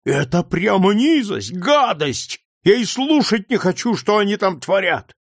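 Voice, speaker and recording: A man's voice: fairly high pitch, normal speed, dry recording. An impulsive, indignant young boy , voiced by a man reading a novel aloud bursts out in a raised, swooping voice. The delivery is passionate and pleading. The sound is dry and close. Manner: excited, pleading outbursts. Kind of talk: audiobook character reading.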